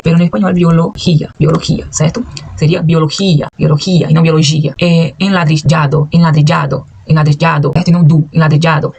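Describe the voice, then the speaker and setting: Husky-voiced man, quick language teacher, repeats each word to drill it. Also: fairly high pitch, darkish tone. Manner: repeats words slowly to drill pronunciation; checks in often with "certo?". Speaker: Spanish teacher. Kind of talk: online language lesson.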